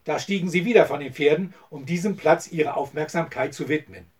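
A man narrating an adventure audiobook in a steady storytelling manner. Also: a little high, a little fast, slightly rough. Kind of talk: scripted narration. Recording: distant mic.

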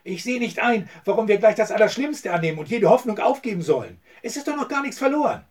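Male narrator doing a calm reasoning outlaw, husky, a touch high, distant mic. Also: fast. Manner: reasoning, insistent. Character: level-headed male outlaw, calming the others.

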